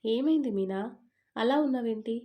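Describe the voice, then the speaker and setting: A woman's voice: fairly high pitch, normal speed, dark tone, lightly acted. A woman voicing a cheerful young man in an audio story who soothes his upset friend in an easygoing tone. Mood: placating.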